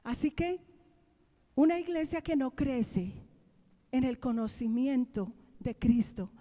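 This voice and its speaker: A woman's voice: high-pitched, animated, takes it slowly, warm tone. A woman from Colombia, a pastor, preaching a sermon in church, asking the congregation questions and repeating key lines. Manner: preaching with call-and-response questions and repeated refrains. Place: church sanctuary. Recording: long reverb of a church hall.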